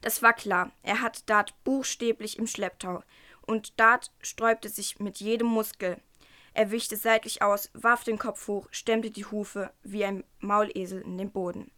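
A woman's voice: mid-range voice, steady tone, unhurried, pushed and bright, dry recording. A woman presenting a book and reading a passage from it aloud, in an earnest, careful way with small stumbles.

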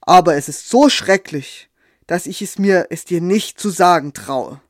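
A man voicing a weary male red rose bush in a storybook tale, speaking slowly and gravely. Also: high voice, no echo, clean studio sound. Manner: slow, grave.

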